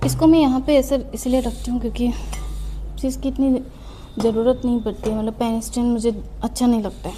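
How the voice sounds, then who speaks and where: Tidying her study desk at home, a young adult vlogger chats a little fast in a fairly high, steady, dark-toned voice. Her desk tour talk is self-deprecating and sprinkled with English phrases, and she's slightly winded. There's slight background noise.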